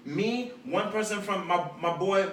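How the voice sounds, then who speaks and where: A high-voiced man tells stories in casual podcast chat. He is animated and slips into slangy impressions of other people. He sounds distant in a roomy space, with a faint hiss under him. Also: unhurried. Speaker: guest. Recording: echoey room, far from mic, faint noise.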